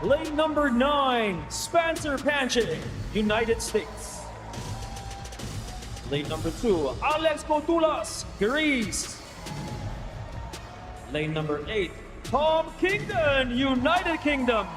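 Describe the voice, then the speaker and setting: A man announcing athletes at a live sports event in a booming, pumped delivery with drawn-out name calls. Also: sing-song. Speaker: arena announcer introducing athletes. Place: large competition venue over PA. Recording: echoey arena PA, music behind.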